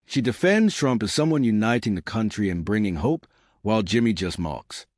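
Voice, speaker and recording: A man's voice: lowish voice, expressive, normal speed, darkish tone, no room sound, studio quality. A man narrating a scripted, dramatic story.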